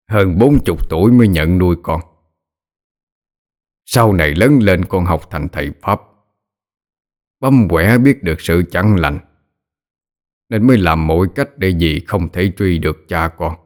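A man voicing a calm son in an audio horror story, explaining gently. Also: low-pitched.

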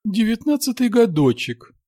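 A man's voice: high-pitched, big pitch swings, moderate pace, warm tone, dry recording, studio quality, pitched above the performer's own voice. A man putting on a doting old nanny. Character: fussy fat old woman nanny, doting.

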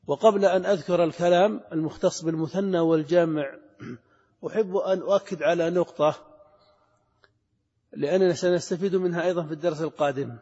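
A middle-aged man's fairly high, mellow voice, touched with breathiness, leads a classroom grammar lesson. He quizzes students and keeps repeating key words to drive them home, recorded lo-fi in a lecture hall with long reverb.

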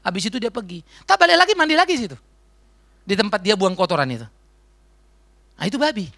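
Man, Indonesian accent, pastor, sermon, gravelly, wide-ranging pitch, dry recording. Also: no echo. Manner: lively preaching, acts out quoted voices.

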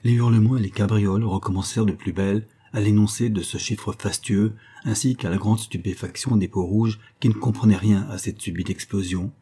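A man reading a novel aloud as an audiobook narrator, with measured, dramatic storytelling. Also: on the low side, fairly even intonation, dark tone, husky. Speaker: audiobook reader.

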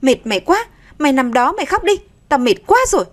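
Female narrator as an exhausted young mom, shrill and yelling, high-pitched. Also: expressive, moderate pace, lightly acted. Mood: furious. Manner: yelling, scolding. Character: frazzled young mother, short-tempered and shrill.

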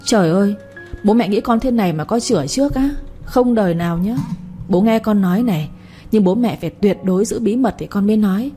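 A woman reading a cunning young village woman who wheedles and insists. Her tone is warm and mellow at a middle pitch, with faint music behind. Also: brisk, lightly acted. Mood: wheedling. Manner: pouting, insistent.

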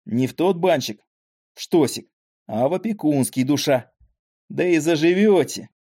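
A man's voice: fairly high pitch, animated, unhurried, warm tone. A man voicing a frail, talkative old father with a weak voice and rambling folksy speech, in an audiobook. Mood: weak, tender.

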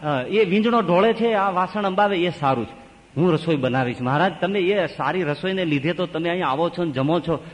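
A man voicing a bossy, jealous elder sister who protests loudly and indignantly in a high voice. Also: brisk, close to an everyday voice. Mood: scornful. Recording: long reverb of a large hall.

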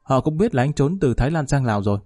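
A man's voice: medium pitch, animated, fast, mellow, dry recording, close to an everyday voice. A man doing a fawning, nervous underling. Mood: pleading. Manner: pleading, placating and eager.

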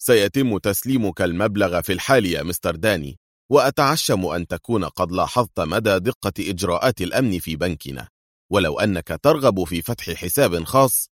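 A man's voice: low voice, lively intonation, fairly quick, dry recording, clean studio sound. A man voicing a male bank manager who speaks with polite formality.

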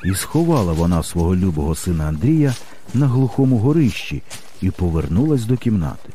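A man narrating a literary story in a dramatic, expressive audiobook reading. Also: low-pitched, a little fast, a little hiss or hum.

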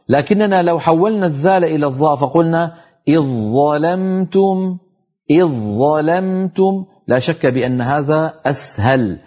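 A man's voice: a little high, darkish tone, slightly rough, muffled recording. Man teaching Quran recitation rules. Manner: explains rules slowly, then recites example words drawn out. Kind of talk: televised tajweed lesson.

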